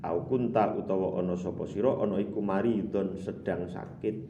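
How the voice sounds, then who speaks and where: A man's voice: sits low, normal speed, lo-fi sound, a little hiss or hum. Man teaching a kitab. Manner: animated teaching, chanting Arabic, then glossing it. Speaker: Islamic boarding school teacher. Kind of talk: morning kitab lesson with word-by-word glosses. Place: boarding school hall. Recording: roomy hall, distant mic, faint ambience.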